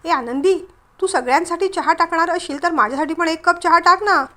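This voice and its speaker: A woman's voice: very high voice, brisk, pushed and bright, voice pushed up. A woman reading a casual, easygoing young man.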